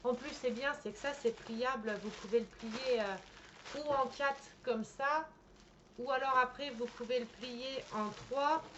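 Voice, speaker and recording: A woman with a fairly high, somewhat bright voice chats casually at home while unboxing a purchase and walking through its screen. She's enthusiastic and chatty but often hesitates to find words. The home recording is slightly muffled with faint background noise.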